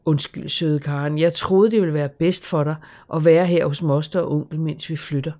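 A narrator voicing a gentle, caring middle-aged father in an audiobook, speaking earnestly and reassuringly. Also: fairly high pitch, fairly even intonation, natural voice. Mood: tender. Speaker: audiobook character.

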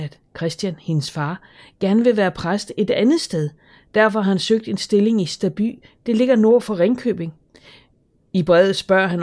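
Woman narrator, low mellow voice, calm measured storybook reading. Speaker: audiobook narrator.

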